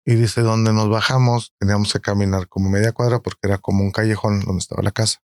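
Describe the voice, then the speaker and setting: A man casually retelling a friend's eerie story at a slow pace. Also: on the low side, little pitch movement, no room sound, studio quality.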